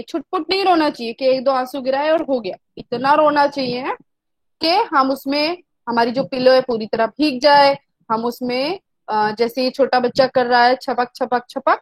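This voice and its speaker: A woman's voice: sits high, a little slow, no echo, rough recording. A woman teacher explains a poem, repeating herself and asking and answering her own questions. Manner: mixes Hindi with English lines.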